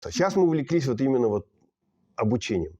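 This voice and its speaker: A man who teaches pantomime, explaining his methods and leading an exercise in an energetic, instructive way with short, emphatic phrases. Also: mid-range voice, fast talker, slightly rough, highs cut off. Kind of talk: explaining and running a drama exercise.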